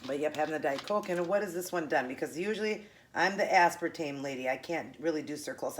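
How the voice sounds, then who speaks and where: Eating on camera for her keto show, a middle-aged American woman with a tongue piercing chats casually with viewers and pauses to chew. Her voice is low-pitched, and there's a little hiss or hum.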